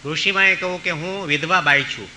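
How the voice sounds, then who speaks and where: Bright-voiced monk telling stories. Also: male voice, fairly high pitch, brisk, a little hiss or hum, poor audio. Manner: acts out voices in his stories, pleading and commanding. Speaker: monk preacher. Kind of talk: storytelling sermon.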